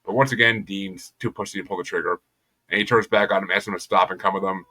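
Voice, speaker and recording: A man's voice: sits low, fairly even intonation, quick pace, sharp tone, poor audio. A young adult man casually recapping a TV episode as a podcast co-host, tossing in crude jokes. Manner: crude, joking retelling of plot.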